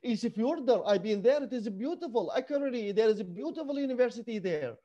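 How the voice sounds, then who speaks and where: Male guest, activist; high, warm voice; emphatic, English; slightly muffled recording. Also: animated, quick pace. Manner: earnest and emphatic, non-native English with broken grammar. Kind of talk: conversational interview.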